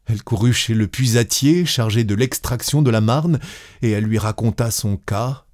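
A man reading a classic short story aloud in a measured, deliberate manner. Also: medium pitch, a little mellow, no echo, studio quality. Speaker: narrator.

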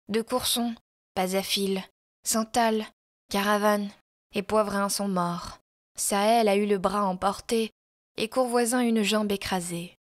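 A woman's voice: medium pitch, no echo, studio quality, lightly acted. A woman voicing an embarrassed young male army captain who speaks hesitantly and awkwardly, in a storybook reading. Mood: flat.

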